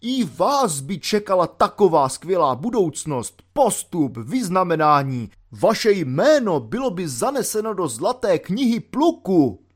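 A man's voice: high voice, sing-song, hardly any pauses, slightly rough, voice pushed up, heavily acted. A man voicing a pompous, bellowing older army colonel who makes bombastic speeches.

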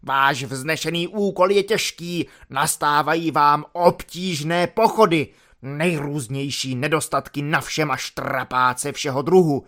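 A man voicing a pompous, half-drunk young army lieutenant who shouts grand speeches at his troops in a storybook reading. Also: on the high side. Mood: grandiose ranting.

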